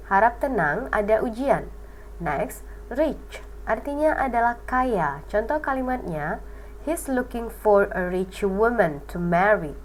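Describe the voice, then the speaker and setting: Slow, lively Indonesian woman teaching English. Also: medium pitch, a little hiss or hum, low-quality recording. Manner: reads each English word slowly, then gives its meaning. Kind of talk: slow vocabulary lesson reading example sentences.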